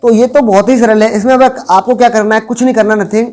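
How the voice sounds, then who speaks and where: Teacher quizzing the class. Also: male voice, sits high, steady tone, fast talker, darkish tone. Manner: asks the class rhetorical questions and answers them. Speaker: maths teacher. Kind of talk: board lesson explaining step by step.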